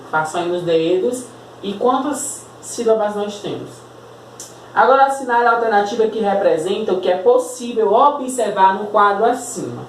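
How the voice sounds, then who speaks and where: A woman's voice: mid-range voice, slight background noise. A Brazilian woman teacher with a Brazilian Portuguese accent, giving a recorded lesson, patiently spelling out words and checking in with tag questions. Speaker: school teacher. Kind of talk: recorded remote class lesson. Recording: echoey room, voice a bit far from mic.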